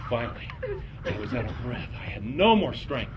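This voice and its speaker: A man telling a dramatic campfire story theatrically, swinging from hushed tones to shouting. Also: mid-range voice, sing-song, moderate pace, noisy background.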